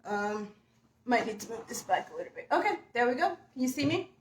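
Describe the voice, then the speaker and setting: Sing-song and fairly quick, a young Ugandan woman's high-leaning voice carries her casual, upbeat chat as she works on furniture at home. The furniture painting vlogger is recorded on a camera mic in an echoey room.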